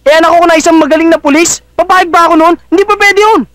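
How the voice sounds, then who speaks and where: An actor playing a pesky, glib young petty thief in a Filipino film drama, full of excuses, with a Filipino accent. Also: male voice, very high-pitched, fairly even intonation, fast talker, fairly bright tone, no echo. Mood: defensive. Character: mischievous, pesky young cousin, petty thief, policeman's son.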